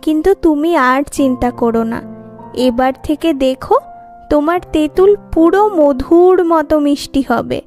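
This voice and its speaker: A woman voicing a kindly female queen bee who speaks in a gentle, reassuring way. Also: high voice, a little slow, faint music behind.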